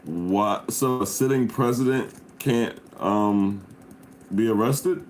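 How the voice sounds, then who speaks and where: A man with a somewhat low voice hosts a relaxed chat. He asks curious questions in short, laid-back bursts and answers with quick affirmations. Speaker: show host. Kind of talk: casual chat, asking questions.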